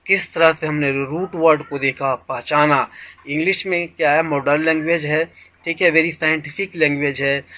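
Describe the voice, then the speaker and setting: A man talks through a vocabulary lesson at a very unhurried pace. His voice is bright and a little high for a man. He leans on the same phrase again and again and breaks words apart slowly as he drills them. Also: no room sound, rough recording. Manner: lecturing, repeats "ठीक है", mixes English phrases; boastful about his own teaching. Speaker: English teacher. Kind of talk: Hindi-language lecture.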